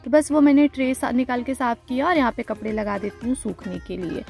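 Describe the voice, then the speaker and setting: Woman, from India, chatty vlog voice-over, slight vocal fry, faint background music. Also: on the high side, brisk, darkish tone. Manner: chatty, explaining step by step. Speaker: vlogger. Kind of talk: casual voice-over narration.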